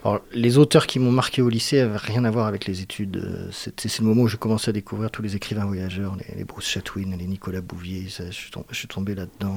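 A man's voice: lowish voice, creaky, a little mellow, husky. A man from France, an actor, speaking reflectively in a casual interview, often hesitating as he searches for words. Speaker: guest actor.

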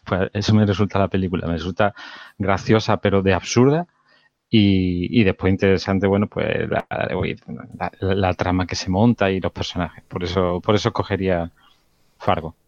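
A man's voice: low-pitched, fairly even intonation, moderate pace, darkish tone, no room sound, muffled recording. A man, talking about films in a laid-back, hesitant way with many fillers. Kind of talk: casual film discussion.

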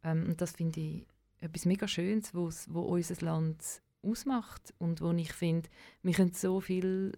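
A woman's voice: lowish voice, fairly even intonation, measured pace, dark tone, no echo. A woman with a Swiss German accent talking casually as an interview guest, enthusiastic and searching for her words. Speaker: radio presenter as interview guest.

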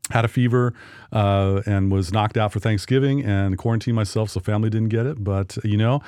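A man with a baritone voice co-hosting a podcast in casual, joking conversation. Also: fairly even intonation, fairly quick, warm tone, smooth, no room sound, clean studio sound. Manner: jokey, uses playful similes and movie references. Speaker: podcast co-host. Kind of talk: casual chat.

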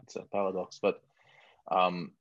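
Low-pitched and unhurried, with little pitch movement and a fairly bright tone, this Israeli-accented man in his forties is the guest entrepreneur in a casual interview chat. He often restarts and adds self-mocking asides, recorded in dull, muffled lo-fi with no echo.

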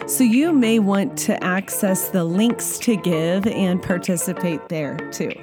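A woman's voice: medium pitch, slow pace. An American woman giving a scripted podcast introduction and announcements as host. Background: music.

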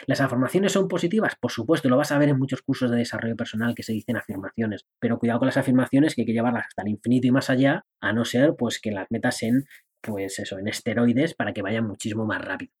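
A man talks through his podcast in a loose, chatty way, poking fun at himself and slipping into little acted-out voices. His voice is slightly husky and sits at an average pitch for a man. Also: darkish tone. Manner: chatty and playful, laughs at himself, acts out inner voices. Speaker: podcast host and personal development coach. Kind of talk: casual podcast monologue.

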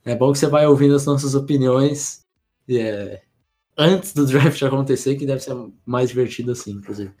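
Guy on a sports podcast, easygoing, lots of restarts, medium pitch. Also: normal speed, faint music behind. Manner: relaxed, rambling, with many restarts and fillers. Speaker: podcast co-host. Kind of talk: casual sports podcast analysis.

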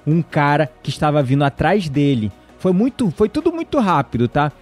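A man's voice: on the high side, moderate pace, soft background music. A man telling a story in casual conversation, acting out the voices of the people in it. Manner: animated, acts out quoted voices.

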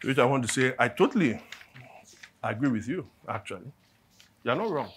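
A man preaching a sermon, swinging between hushed, almost whispered lines and loud, emphatic passages. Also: mid-range voice, expressive, moderate pace, a little hiss or hum.

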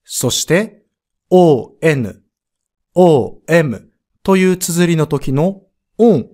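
A man's voice: on the high side, lively intonation, takes it slowly, dark tone. A man teaching a pronunciation lesson on a podcast, explaining step by step and sounding out letters and vowels to demonstrate them.

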